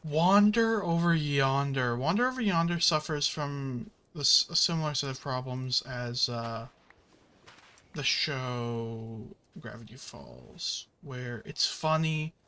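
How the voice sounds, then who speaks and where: Slow, bright-voiced rambling gamer man. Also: mid-range voice, animated, clear, resonant tone. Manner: rambling and chatty, with many fillers and restarts; swears at the game. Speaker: gaming channel host. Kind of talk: casual commentary while playing a video game.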